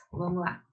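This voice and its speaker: A woman with a Brazilian Portuguese accent teaching an online exam-prep Portuguese lesson, explaining step by step and checking in often with her students. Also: narrow, tinny audio.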